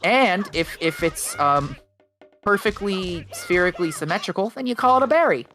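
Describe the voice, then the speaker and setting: Animated, rambling man streaming a game. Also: high-pitched, soft background music. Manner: rambling, joking, quick to laugh. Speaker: streamer playing a video game. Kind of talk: casual co-op stream chat.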